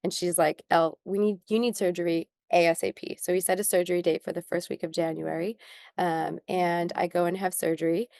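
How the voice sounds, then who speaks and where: Gravelly-voiced woman telling her story. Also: on the low side, steady tone, brisk, warm tone, no echo, clean studio sound. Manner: earnest, tearful at moments, many ums. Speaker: skincare founder, interview guest. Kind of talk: emotional personal story in a sit-down interview.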